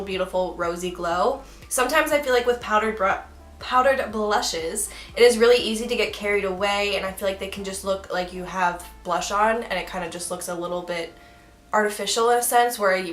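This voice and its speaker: A woman's voice: medium pitch, a bit bright, roomy sound. A young woman talking through a makeup tutorial in a chatty, giggly way with self-mocking asides. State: hiccups. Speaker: beauty vlogger.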